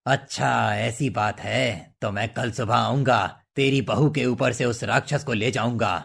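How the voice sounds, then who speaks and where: A man playing a calm, reassuring tantric holy man in a storybook tale, speaking slowly and with assurance. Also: mid-range voice, creaky, breathy edge, exaggerated voice.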